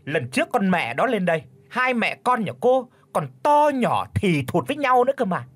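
A man voicing a spiteful old woman, a bullying mother-in-law, in a shrill, sharp-tongued scolding voice. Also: very animated, breathy edge, exaggerated voice. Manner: scolding, fast accusing questions. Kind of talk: audiobook character voice.

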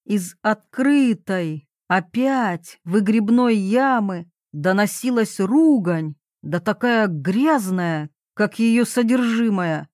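A woman reads a story aloud at an unhurried pace, giving the narration expressive shape. Her voice sits at a middle pitch and the recording is dry and close. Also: no room sound. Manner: expressive storytelling, acting out dialogue. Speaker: audiobook narrator. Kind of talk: scripted narration.

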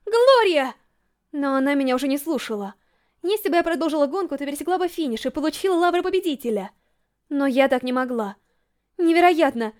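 High-voiced woman narrating dramatically. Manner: dramatic, emotionally expressive storytelling. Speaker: audiobook narrator. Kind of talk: first-person novel narration.

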